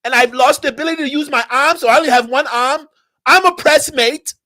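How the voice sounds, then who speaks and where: A high, whining Australian ex-soldier complains that he is the oppressed one, as a man mimics him mockingly. The voice sits well above the speaker's own and has an exaggerated Australian lilt. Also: fairly quick, sharp tone. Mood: whiny, mocking. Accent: put-on Australian.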